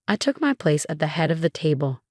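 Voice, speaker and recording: A woman narrating a first-person revenge story in a steady, measured way. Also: low-pitched, no room sound, studio quality.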